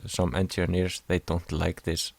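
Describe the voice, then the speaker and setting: A man's voice: sits low, completely flat delivery, measured pace, creaky, darkish tone, dry recording. A young man from Iceland, hesitantly explaining a class assignment over slides, with many fillers. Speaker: music production student.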